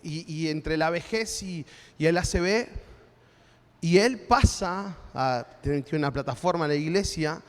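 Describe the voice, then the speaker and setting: A man's voice: on the high side, a little slow, in a large hall. A man with an Argentine accent preaching a sermon as pastor, in a conversational way with frequent tag questions. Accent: Argentine Spanish.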